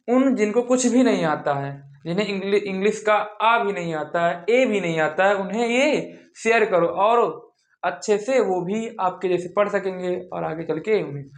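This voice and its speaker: Teacher, classroom lesson, mid-range pitch, asks and answers own questions, slow repeated words, echoey room. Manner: drills by asking questions and answering them itself; repeats words slowly to show pronunciation. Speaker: English teacher.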